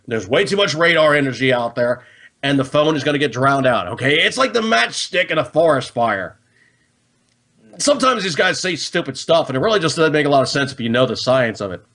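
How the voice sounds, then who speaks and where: An American man with a mid-range, fairly bright voice hosts a hobby gun and gadget show. Casual and unscripted, he explains things to viewers in a folksy, slangy, chatty manner, checking in with them often.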